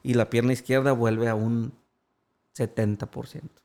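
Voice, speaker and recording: Gravelly man telling a story. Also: mid-range voice, level tone, normal speed, a little mellow. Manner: earnest, emotional retelling with quoted voices. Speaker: interview guest. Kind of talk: personal storytelling in an interview.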